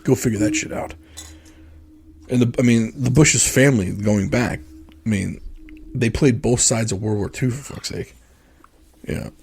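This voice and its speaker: A man's voice: mid-range voice, measured pace, vocal fry, long pauses, a little mellow, slight background noise. A man in his forties co-hosting a podcast, talking bluntly and ramblingly with plenty of swearing. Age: 40s. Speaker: podcast co-host. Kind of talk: casual podcast chat.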